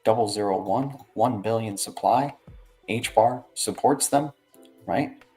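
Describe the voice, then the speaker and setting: A man's voice: on the low side, a little slow, darkish tone, faint music behind. A man hosting a livestream with casual, slangy market commentary, rambling along and tagging phrases with "right" and "man". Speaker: livestream host.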